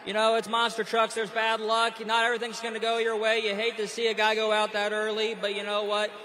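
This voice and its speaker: A man's voice: high voice, completely flat delivery, brisk. A man, a motorsport crew chief, giving an upbeat, reassuring live interview at trackside. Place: on the track at a stadium event.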